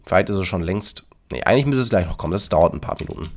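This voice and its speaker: A man's voice: low-pitched, animated, very fast. A man casually commenting on his Minecraft build and explaining it to his viewers. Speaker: YouTuber demonstrating a Minecraft build.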